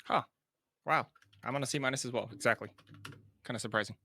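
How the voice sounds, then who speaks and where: A man's voice: mid-range voice, pushed and bright. A man co-hosting a podcast, reading card text aloud and then giving casual verdicts. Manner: reads card text aloud then judges it, quick to laugh. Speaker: co-host of a card game podcast. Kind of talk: casual card review chat.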